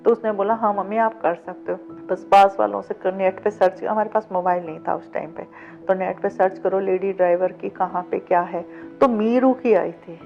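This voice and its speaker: A woman's voice: mid-range voice, fairly even intonation, moderate pace, vocal fry. A middle-aged woman telling her own life story in an interview, acting out the past conversations as she goes. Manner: vivid retelling that acts out past dialogue. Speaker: interview guest, cab driver. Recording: dull lo-fi sound with faint background music.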